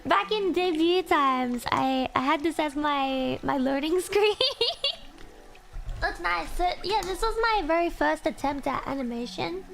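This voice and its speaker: A woman's voice: high voice, expressive, a little slow, gravelly. A young woman chatting casually on a livestream in a cute, girlish anime-streamer manner, close on the mic. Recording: music playing behind the voice.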